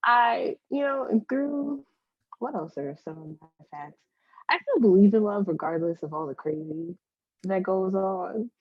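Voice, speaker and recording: A woman's voice: medium pitch, lively intonation, unhurried, dry recording, lo-fi sound. A woman from Guyana, a guest author, chatting playfully on a casual podcast.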